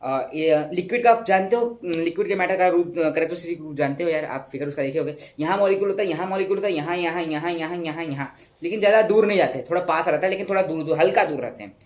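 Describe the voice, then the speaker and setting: A man's voice: a little high, fast, few pauses. A young man explaining science in a casual, chatty way, repeating words, correcting himself and making little sound effects. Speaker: teacher.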